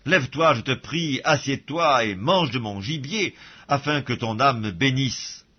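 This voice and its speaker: A man reading the part of an anxious young son deceiving his father, in a husky voice on a dull recording. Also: mid-range voice, expressive, a little slow.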